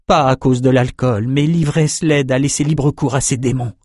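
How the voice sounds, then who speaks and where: A man voicing a caring, tearful mother who speaks softly in an audiobook. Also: mid-range voice, steady tone, moderate pace, dry recording, studio quality, voice pushed up, close to an everyday voice. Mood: pleading.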